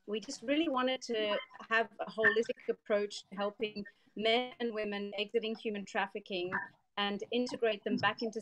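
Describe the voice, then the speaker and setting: A woman's voice: mid-range voice, noisy background. Earnest woman, founder. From Switzerland, raised in Papua New Guinea. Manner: fluent, earnest, explanatory. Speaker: founder of a social business. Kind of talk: interview answers on a live stream.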